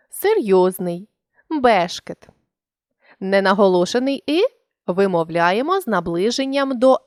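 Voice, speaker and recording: A woman narrating a scripted language lesson, sounding out example words slowly and deliberately. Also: mid-range voice, no echo, clean studio sound.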